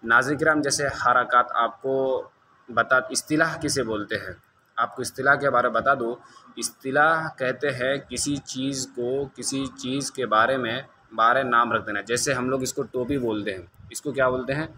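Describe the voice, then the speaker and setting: A man teaching a Quran reading lesson to viewers. He asks his own questions, answers them, and stretches the letter sounds slowly. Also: medium pitch, steady tone, pushed and bright, a little hiss or hum.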